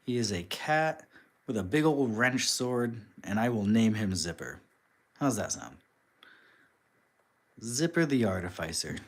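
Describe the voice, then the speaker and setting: A man's voice: on the low side, expressive, a little slow. A man casually chatting with viewers on a live stream while he crafts, reading and answering the chat.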